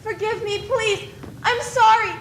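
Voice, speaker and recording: A woman playing a gentle, frightened young singer in a stage play, speaking softly and pleading. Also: extremely high pitch, steady tone, measured pace. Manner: soft and timid, pleading. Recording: echoey stage from far off, noisy.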